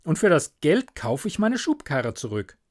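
A man's voice: wildly swooping pitch, moderate pace. A man voicing a poor, humble young gardener in a storybook, speaking eagerly and gratefully in a raised voice. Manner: eager, grateful, high-pitched.

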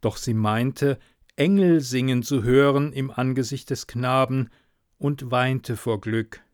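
A man narrating a story in a measured, softly dramatic way. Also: medium pitch, clear, resonant tone, dry recording, studio quality.

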